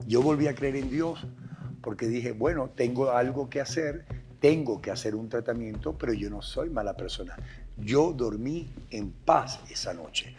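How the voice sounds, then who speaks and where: A man's voice: medium pitch, measured pace, darkish tone. A man with a Venezuelan accent, a guest addiction expert speaking with passion and repeating phrases for emphasis. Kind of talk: emphatic testimony and explanation.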